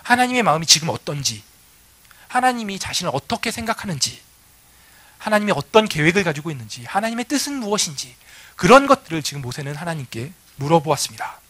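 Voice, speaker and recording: Male pastor, bright and lively delivery, relaxed storytelling sermon. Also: on the high side, fast, husky, dry recording. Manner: conversational storytelling preaching.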